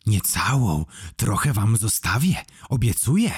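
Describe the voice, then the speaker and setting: A man voicing a sly, greedy male vampire in a children's audiobook, speaking in a low, hissing, pleading whisper. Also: sing-song, measured pace, slightly rough, no room sound, clean studio sound, full character voice. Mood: wheedling.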